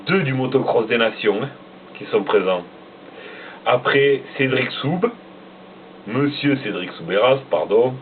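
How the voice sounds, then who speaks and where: A man talks casually at an unhurried pace, often stumbling over names and laughing at himself. His voice sounds thin and phone-like, as if picked up from a distance, with faint noise behind him. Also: medium pitch. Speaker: motocross vlogger. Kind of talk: casual chat reading out a rider list. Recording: tinny phone-like sound from away from the mic.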